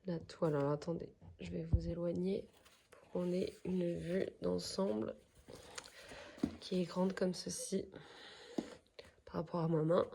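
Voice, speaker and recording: A woman's voice: fairly low pitch, flat delivery, gravelly, mellow, slight background noise. A woman with a French accent chatting casually as she unboxes craft kits, hesitant and full of fillers. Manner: slow and hesitant, many fillers. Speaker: crafts vlogger.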